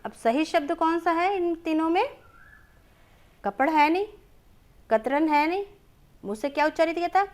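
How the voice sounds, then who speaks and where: A woman teaching young children, reading words aloud slowly and drawn out, asking questions and then answering them herself. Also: extremely high pitch, expressive. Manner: slow and drawn-out, stretches each word.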